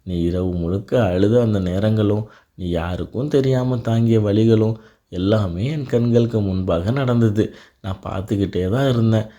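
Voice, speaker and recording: A man delivering a devotional blessing in a calm, reassuring voice, speaking directly to the listener. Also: lowish voice, normal speed. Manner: calm, reassuring second-person address. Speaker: devotional narrator.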